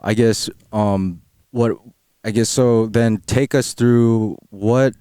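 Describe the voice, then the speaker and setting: A man's voice: lowish voice, steady tone, slow, warm tone, smooth, dry recording, clean studio sound. A young man hosting a podcast, hesitant and filling his questions with "um" and "like". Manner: hesitant, lots of "um" and "like". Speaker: podcast host. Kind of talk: casual interview.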